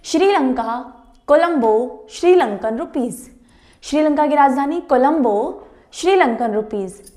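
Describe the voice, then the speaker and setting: A woman teacher giving a board lesson for exam preparation, slowly repeating names and asking students to say them back. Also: high-pitched, lively intonation, dark tone. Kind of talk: whiteboard exam-prep lesson. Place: classroom with a board.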